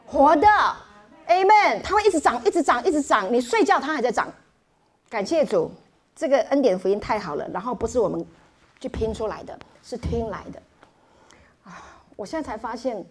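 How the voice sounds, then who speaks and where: High-voiced playful woman pastor. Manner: playful, joking, animated storytelling. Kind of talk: sermon.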